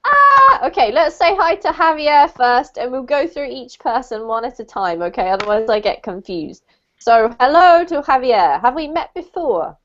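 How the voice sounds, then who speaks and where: A woman's voice: sits high, very animated, normal speed, fairly bright tone, muffled recording, a little hiss or hum. A woman teaching a live online English class, chatty and speaking straight to her students over a video call.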